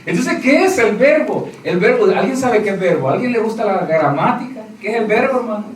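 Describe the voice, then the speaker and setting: A man's voice: sits high, expressive, brisk, recorded from a distance. A man preaching as a pastor, who keeps calling his listeners "brother" and asking them questions. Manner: preaching, addresses listeners as "hermano", asks questions. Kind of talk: sermon. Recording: roomy echo, voice from off mic.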